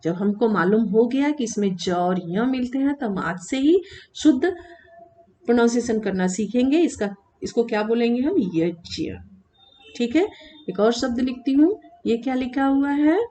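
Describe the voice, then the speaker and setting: A woman teacher explaining letters in a classroom lesson, asking the children questions and answering them herself, drawing sounds out slowly to demonstrate them. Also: a little high, mellow, a little hiss or hum. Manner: slow, drawn-out demonstration of sounds; addresses children, asks and answers own questions. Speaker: Sanskrit teacher.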